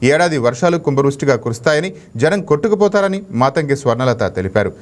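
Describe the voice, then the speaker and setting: A man's voice: a little high, animated, fast. A man reading a scripted news voice-over in formal reporting style. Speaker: news narrator.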